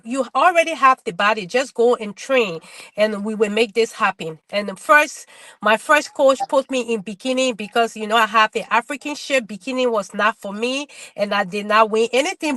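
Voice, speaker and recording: A middle-aged Liberian woman, a bodybuilder appearing as a guest, tells her story in a casual webinar, often halting and restarting her words. Her voice is a little high, pushed and bright, and the recording is dry.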